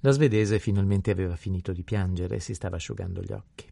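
A man narrating an audiobook in a steady, measured reading style. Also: deep voice, vocal fry, no room sound. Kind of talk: scripted narration.

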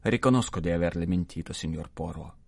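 Give a proud young count, as a man voices him in an audiobook, hot-tempered and fiercely protective, pressing every point with indignant emphasis. His voice sits on the low side. The recording is dry. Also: brisk, vocal fry, no room sound. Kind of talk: audiobook dialogue reading.

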